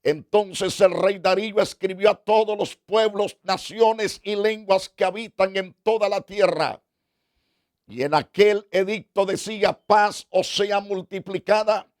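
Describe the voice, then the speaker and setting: A male pastor retells a scripture story in sermon style. His voice sits high and his delivery is unhurried, with phrases repeated for emphasis. The sound is dry, with no room echo. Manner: slow, deliberate preaching with repetitions for emphasis.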